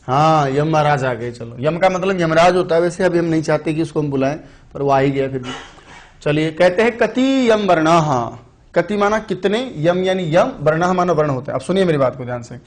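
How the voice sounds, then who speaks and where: Man, Sanskrit teacher, fairly high voice, chatty, slow deliberate explaining, online class lecture. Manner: chatty storytelling, asks students questions. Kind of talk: online exam-prep lecture.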